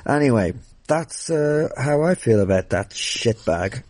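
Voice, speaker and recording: A man's voice: medium pitch, animated, unhurried, a little mellow, no echo. A man hosting a podcast, ranting in a blunt, profane, angry way. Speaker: podcast host. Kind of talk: casual rant and interview.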